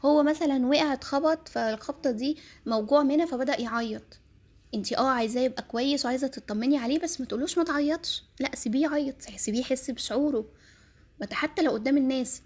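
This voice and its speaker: An Egyptian woman gives earnest parenting advice straight to mothers at a quick clip. Her voice sits a bit high and has a husky, breathy edge. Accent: Egyptian Arabic. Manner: earnest, advising, addresses mothers directly.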